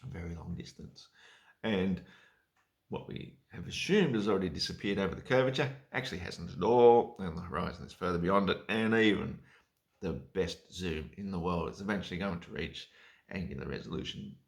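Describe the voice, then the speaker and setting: A man's voice: sits low, normal speed, gravelly. A man on a rambling drunken solo rant, sweary and sarcastic, losing his thread and lurching into sudden emphatic bursts.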